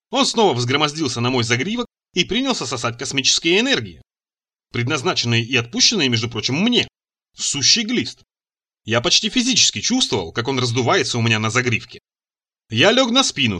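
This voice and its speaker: Lively bright male audiobook narrator. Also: mid-range voice. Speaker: audiobook reader. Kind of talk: first-person audiobook narration.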